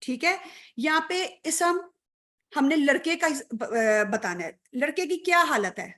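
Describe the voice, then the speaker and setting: A woman's voice: sits high, animated, fairly bright tone. A woman teaching an online grammar class, patient, often checking if students follow, mixing English terms into her speech.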